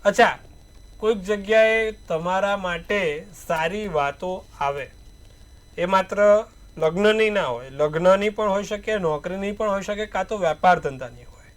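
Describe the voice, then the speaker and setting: High-voiced man reading horoscopes. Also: unhurried. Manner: advising, repetitive, proverb-like phrasing. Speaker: astrologer. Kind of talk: daily horoscope and tarot reading.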